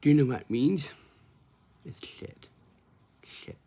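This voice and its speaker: A man's voice: on the high side, slow, mellow, slightly rough. A man in his twenties talking casually to the camera, repeating himself and answering his own questions. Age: 20s. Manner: repetitive, asks himself questions and answers them.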